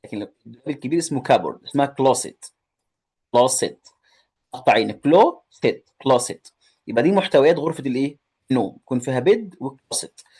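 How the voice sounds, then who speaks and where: A man's voice: medium pitch, racing, a little mellow, breathy edge. A man with an Egyptian Arabic accent teaching a lesson, asking questions and answering them himself and repeating each word for his pupils. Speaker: English teacher.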